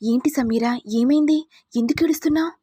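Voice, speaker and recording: A woman voicing an agitated, devoted young man who questions loudly and urgently. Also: high voice, brisk, breathy edge, no echo, studio quality, voice pushed up.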